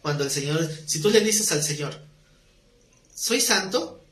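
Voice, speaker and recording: A man's voice: on the high side, a little fast. A man preaching a live sermon, speaking conversationally with rhetorical questions and light jokes. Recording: roomy live-stream audio.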